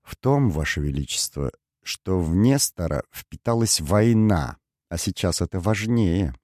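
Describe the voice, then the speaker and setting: A man's voice: low-pitched, expressive, darkish tone, no echo, clean studio sound. A man doing a grave, wary mercenary colonel. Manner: slow, measured, deferential. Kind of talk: audiobook character voice.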